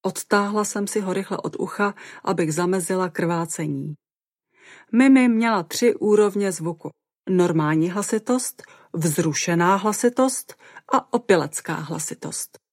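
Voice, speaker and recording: A woman narrating a first-person audiobook in a lively, expressive way. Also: on the low side, dry recording, clean studio sound.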